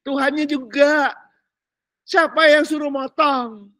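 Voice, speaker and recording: A man's voice: very high-pitched, steady tone, slow, sharp tone, no echo. A man preaching a sermon with a Jakarta accent, blunt and joking in street slang, reading scripture aloud between remarks. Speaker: pastor.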